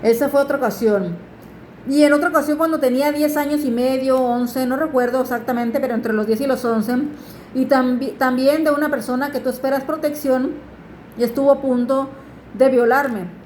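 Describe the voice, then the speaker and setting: A woman's voice: high voice, moderate pace, darkish tone, slight background noise. Earnest woman giving a testimony. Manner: earnest, pleading with listeners to turn to God. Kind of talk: personal religious testimony. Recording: echoey room.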